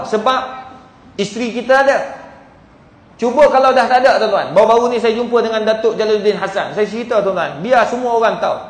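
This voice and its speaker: A man with a Malaysian Malay accent preaching and telling a story, often calling out to his listeners and acting out the dialogue. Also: very high-pitched. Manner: addresses listeners as "tuan-tuan", acts out dialogue. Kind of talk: sermon storytelling. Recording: echoey hall.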